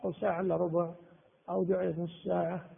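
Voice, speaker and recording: A man teaching a religious lesson, explaining texts and grammar slowly and repeating key words. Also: sits high, little pitch movement, vocal fry, slightly rough. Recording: tinny phone-like sound in a reverberant hall.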